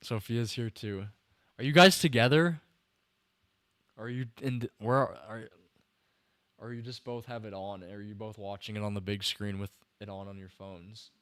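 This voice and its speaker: Speaking at a normal speed in a fairly low, steady, fairly bright and smooth voice, a young man rambles through a film breakdown on his livestream. He restarts sentences, chats with viewers enthusiastically and casually, and sounds slightly tired. There's no room sound.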